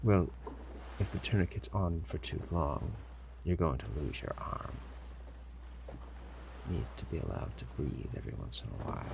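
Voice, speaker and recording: In an audio roleplay, a man with a low, gravelly, very animated character voice plays a stern, menacing pirate captain addressing a captive listener. He speaks slowly and commandingly, sighing and feigning indifference while showing gruff, grudging concern, with noisy ambience behind him.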